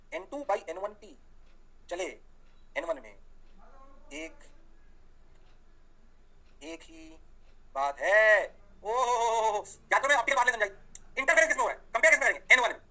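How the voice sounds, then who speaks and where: A man's voice: high voice, measured pace, pauses often. A man teaching physics, firing questions and answering them himself. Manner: energetic, asks questions and answers them himself, voices the students' replies. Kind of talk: lively classroom lecture.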